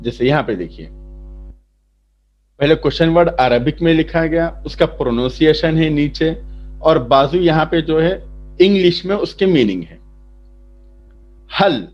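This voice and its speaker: A man teaching from a chart, slowly explaining each word and asking then answering his own questions. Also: on the high side. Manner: slow, repetitive explaining, asks then answers. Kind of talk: lesson explaining a vocabulary chart. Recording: dull lo-fi sound.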